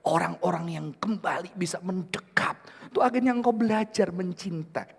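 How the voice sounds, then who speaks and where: A male pastor preaching with a fairly high voice that climbs into loud, fervent peaks and then drops to a near whisper. He keeps calling out to his congregation as he speaks. The sound rings with the long reverb of a large church hall. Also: moderate pace, gravelly, husky. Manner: swings from loud impassioned peaks to hushed whispers; addresses the congregation repeatedly as brothers and sisters. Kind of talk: sermon.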